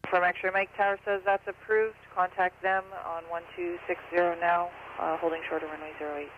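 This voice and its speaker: A man's voice: sits high, little pitch movement, fairly quick. A man giving clipped, procedural taxi instructions as a ground controller over the radio. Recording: thin phone-like radio with faint static.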